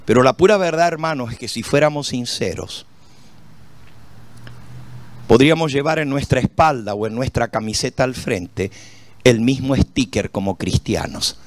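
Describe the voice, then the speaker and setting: A man's voice: mid-range voice, moderate pace, no room sound. A middle-aged man preaching a sermon, asking the congregation questions and telling stories about his own life. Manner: animated, storytelling with rhetorical questions to the congregation. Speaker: pastor.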